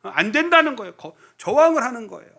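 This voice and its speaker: Middle-aged guy pastor giving a sermon, bright sharp voice, acts out all the lines. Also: very high-pitched, quick pace, vocal fry. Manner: animated storytelling, acting out quoted voices. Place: church sanctuary.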